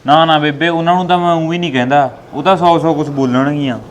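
A man playing a grown son who calmly explains how he got hurt. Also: a little high, fast, slight background noise, natural voice. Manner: calm, explaining. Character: injured grown son, calm and patient.

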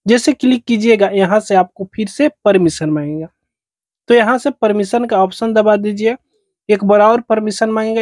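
A tech tutorial host narrates a step-by-step phone tutorial in a high-pitched, darkish male voice. His phrasing is repetitive and instructional, and the recording sounds dry.

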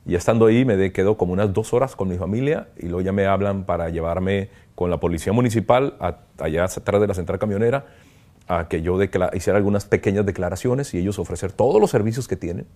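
Priest, man, deep and mellow, earnest halting interview testimony. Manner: earnest, halting, reflective, with frequent "¿no?". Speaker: priest, kidnapping survivor interviewee.

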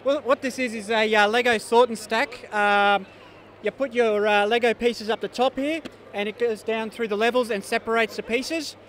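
A man's voice: extremely high pitch, steady tone, normal speed, a bit bright, slight background noise. A man in costume at an expo, answering interview questions in a friendly, hesitant way. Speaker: costumed exhibitor. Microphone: handheld mic.

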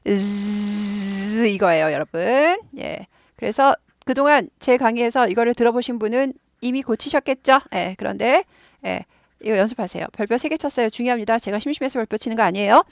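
A woman's voice: fairly high pitch, brisk, vocal fry, no room sound, studio quality. A middle-aged woman teaching an English lesson, patiently repeating each word for students to copy. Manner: patient, repeats words for drilling.

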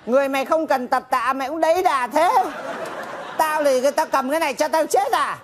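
A man's voice: very high-pitched, a little fast, a faint crowd, a little hiss or hum. A man playing a bossy, pompous village chief with a Northern Vietnamese accent in a live stage comedy sketch. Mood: scolding. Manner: scolding, blustering, pompous.

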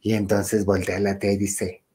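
Man, mexican accent, casual spooky storytelling, lively, hushes to a whisper for suspense. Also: mid-range voice, moderate pace. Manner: animated, drops to a whisper at the spooky parts. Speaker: guest storyteller. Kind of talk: casual ghost story telling.

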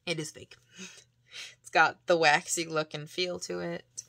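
A woman chatting casually to camera as she shows off a shopping haul, rambling with many fillers and laughs and now and then dropping into soft, breathy asides. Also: deep voice, little pitch movement, unhurried. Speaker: vlogger showing a shopping haul.

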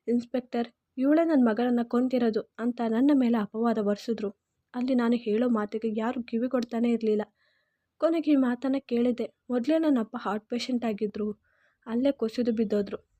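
A woman's voice: a little high, dark tone, no echo. A woman narrating an emotional first-person story in Kannada-accented speech, earnest and heartfelt.

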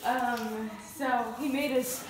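A woman's voice: on the high side, fairly even intonation, slow pace. A young woman filming a joking, mock-boastful tour of a house and backyard, giggling as she goes. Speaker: vlogger. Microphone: handheld phone camera. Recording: roomy phone audio with background noise.

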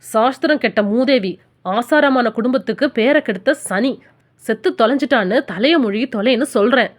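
A woman's voice: medium pitch, moderate pace, natural voice. A woman doing an angry, scolding middle-aged son. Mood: shouting, furious. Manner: loud, sharp, scolding. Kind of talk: audiobook character voice.

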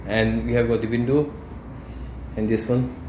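A man from India narrating a walkthrough of an empty furnished flat, speaking plainly and haltingly as he points things out, filmed on a handheld phone. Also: medium pitch. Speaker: property tour guide. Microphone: handheld phone camera. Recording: echoey room with loud air-con and traffic hum.

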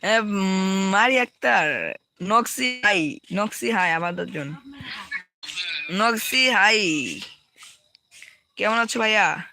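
A man's voice: high-pitched, lively intonation, slow pace, creaky, long pauses, bright, forceful tone. A young man with a Bangladeshi Bengali accent, hosting a live gaming stream, reading out viewer names and repeating team codes.

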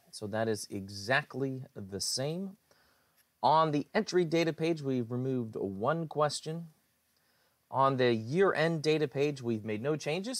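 A man at his computer narrates a screencast about website changes. His voice sits at a middle pitch, and he explains things plainly with occasional fillers. The recording is dry and close. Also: no echo. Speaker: IT director presenting website updates. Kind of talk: screencast walkthrough.

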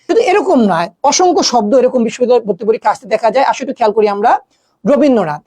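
Fast-talking teacher woman quizzing students. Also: fairly high pitch, mellow, dry recording. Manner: quizzing students with rhetorical questions. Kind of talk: exam-prep grammar lesson.

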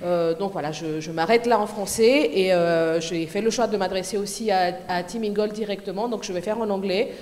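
A woman's voice: mid-range voice, darkish tone. A woman with a French accent giving a hesitant, filler-heavy introduction as a conference organizer in a large lecture hall. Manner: hesitant, many fillers, halting in English. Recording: roomy hall with long reverb, faint noise.

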